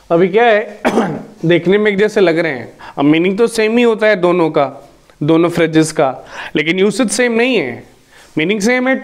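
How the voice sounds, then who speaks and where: A man with a high voice runs an English grammar lesson. He talks mostly in Hindi, poses questions to his students and then answers them, and he slows right down when he reads out the English example sentences. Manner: explains step by step, asks the class questions and answers them. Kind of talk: Hindi-medium grammar lecture.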